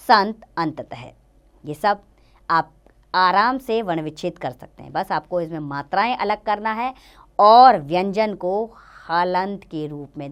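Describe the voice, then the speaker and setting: A woman teacher giving a grammar lesson to children, slowly sounding out letters one by one. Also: lowish voice, clear, resonant tone.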